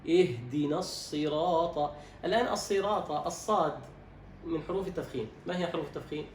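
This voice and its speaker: A man teaching Quran recitation, quizzing his student and drawing out words slowly to demonstrate them. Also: fairly high pitch. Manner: instructive, quizzes and demonstrates slow drawn-out words. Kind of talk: recitation lesson, correcting a student. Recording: roomy echo, distant mic, faint noise.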